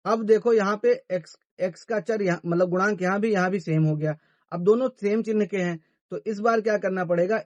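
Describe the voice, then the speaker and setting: Male math teacher, answers his own questions, pitched high. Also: darkish tone, dry recording, lo-fi sound. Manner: asks questions and answers them himself. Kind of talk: classroom-style math lesson.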